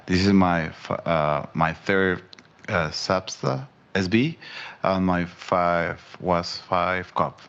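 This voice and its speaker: A man from Panama introducing himself at a workshop, halting and hesitant, with many fillers. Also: deep voice, fairly bright tone, highs cut off, a little hiss or hum. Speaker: workshop participant.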